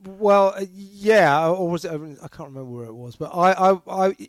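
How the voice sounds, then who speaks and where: A British man co-hosting a podcast, telling dog stories with halting starts that turn animated. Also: high-pitched, dry recording. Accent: British English. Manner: hesitant starts, then animated storytelling. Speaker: podcast co-host. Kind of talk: casual chat, anecdotes.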